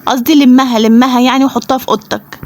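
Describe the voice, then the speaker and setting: A woman voicing a bossy older sister in a toy role-play, bickering quickly with her brother in an Egyptian Arabic accent. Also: high voice, steady tone, darkish tone, slight background noise, close to an everyday voice.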